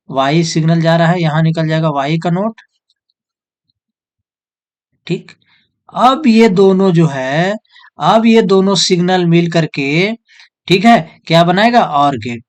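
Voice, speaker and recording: A male teacher who explains step by step, asking questions and answering them himself. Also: high voice. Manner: repetitive question-and-answer teaching, "jo hai so" filler. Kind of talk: whiteboard lesson.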